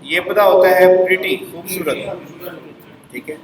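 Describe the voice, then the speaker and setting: A man's voice: high voice, a little slow, roomy sound, crowd noise, low-quality recording. A man teaching a language lesson step by step, asking his class to repeat words back.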